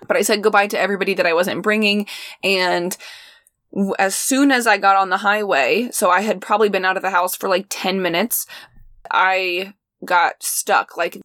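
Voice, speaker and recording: A woman's voice: mid-range voice, fairly bright tone, dry recording, clean studio sound. A young woman casually telling a personal story in a vlog from inside her van, chatty and full of "like" fillers. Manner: chatty, frequent "like" fillers, laughs while telling. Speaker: van life vlogger.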